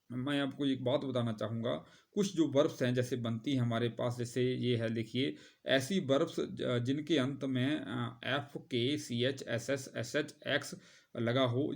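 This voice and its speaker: A man teaches a grammar lesson to his students in a patient, explaining tone. He calls the class to look at the board, spells out word endings letter by letter, and fills his pauses with hesitations. His voice sits at a middle pitch for a man. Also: a little mellow. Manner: addresses students directly, spells out words slowly, frequent hesitations.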